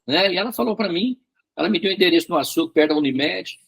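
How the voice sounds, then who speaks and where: A man's voice: high-pitched, lively intonation, quick pace, vocal fry, slightly rough. A man teaching a Bible study and telling a personal story, often repeating words and tagging his sentences with questions.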